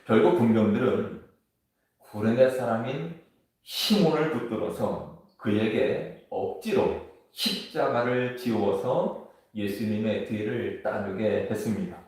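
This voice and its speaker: A man, a pastor, preaching a measured sermon with scripture readings. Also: on the low side, darkish tone. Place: church sanctuary. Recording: echoey church hall, voice from far off.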